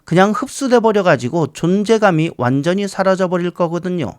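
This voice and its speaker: A middle-aged man teaching English grammar in a recorded lecture, playful, talking to words as if they were people and reading English examples slowly. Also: sits high, expressive, darkish tone, clear, resonant tone, no echo, studio quality. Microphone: close studio mic, voice-over.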